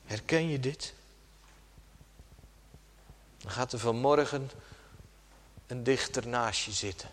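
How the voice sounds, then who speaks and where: A man preaching a sermon slowly and dramatically, dropping suddenly to a hush at times. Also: medium pitch. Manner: slow, dramatic preaching with sudden soft drops. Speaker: pastor. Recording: long church reverb.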